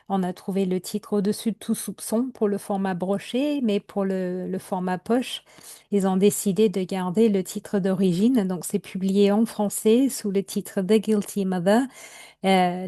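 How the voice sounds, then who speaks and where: Mellow-voiced woman novelist, halting answers. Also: mid-range voice, no room sound, clean studio sound. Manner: hesitant, many fillers and restarts. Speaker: novelist guest. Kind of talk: casual interview answers.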